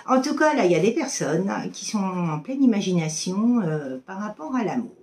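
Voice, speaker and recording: A woman's voice: medium pitch, very animated, normal speed, darkish tone. A woman giving a casual oracle card reading to her viewers, chatty and affectionate, with many fillers.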